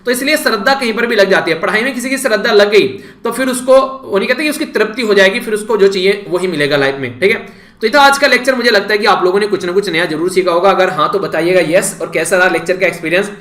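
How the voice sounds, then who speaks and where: Man, Indian accent, quick chatty lecture, high pitch, echoey room. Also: a bit bright. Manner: chatty, addresses students directly with "yaar". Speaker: current affairs teacher. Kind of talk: casual Hindi lecture recap.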